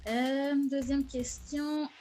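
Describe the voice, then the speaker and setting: A woman's voice: sits high, flat delivery, very slow, dark tone, faint music behind. A woman co-hosting a casual game chat, reading questions out plainly.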